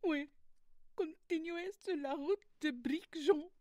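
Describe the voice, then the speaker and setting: A woman playing a timid, weepy cowardly lion in a soft ASMR roleplay, fearful, plaintive and hesitant. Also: high-pitched, slow pace, no room sound, studio quality. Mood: frightened.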